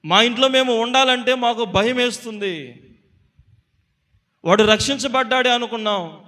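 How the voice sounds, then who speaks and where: Male preacher voicing a grieving mother, pleading and repetitive, high bright tone, hall reverb.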